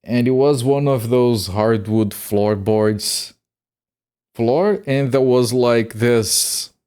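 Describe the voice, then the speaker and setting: A man's voice: mid-range voice, takes it slowly, a little mellow, smooth. A man streaming a game and chatting casually, swearing freely and stumbling over the starts of his sentences. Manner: stammers and repeats words when starting sentences. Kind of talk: casual chat while gaming on a live stream.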